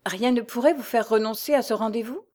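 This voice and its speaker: A woman's voice: a little high, a little fast, darkish tone, pitched above the performer's own voice, close to an everyday voice. A woman voicing a jealous young masked woman at a ball, asking urgent questions. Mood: anxious.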